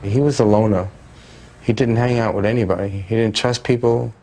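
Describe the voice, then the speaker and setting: A man's voice: lowish voice, steady tone, normal speed, mellow. A man giving his view casually as a documentary interviewee.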